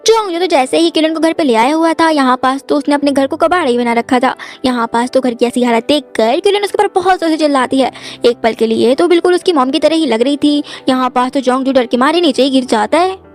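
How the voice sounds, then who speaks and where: A woman's voice: high-pitched, quick pace, hardly any pauses. A woman narrating a drama recap in a storytelling manner, repeating the same linking phrases. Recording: faint background music.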